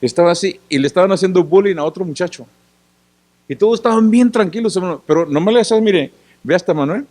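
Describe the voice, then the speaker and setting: A male pastor delivers a sermon, sounding tired after a day of work. He talks casually with the congregation, throws questions at them and acts out small scenes. His voice sits somewhat high for a man. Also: expressive, fast talker, a little mellow. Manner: conversational, asks the congregation questions often; acts out little scenes and gestures. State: tired after working in the sun.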